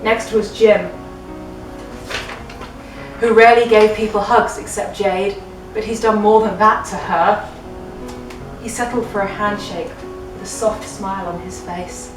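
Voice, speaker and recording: A tipsy woman pauses often as she reads fan fiction a little slowly for a comedy web show, hammy and giggling in a mock-dramatic way. Her medium-pitched voice holds a fairly even intonation, recorded from a distance in an echoey room with music beneath.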